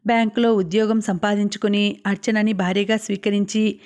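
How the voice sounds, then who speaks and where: A woman's voice: mid-range voice, flat delivery, a little fast, darkish tone. A woman reading a novel aloud as an audiobook narrator, telling the story steadily.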